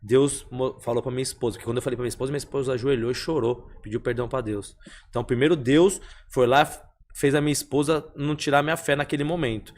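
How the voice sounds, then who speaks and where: A young man, talking as a podcast guest. He tells his story casually, repeating himself and acting out every exchange. His voice sits at a middle pitch. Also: fast talker. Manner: animated, repeats phrases, acts out the dialogue.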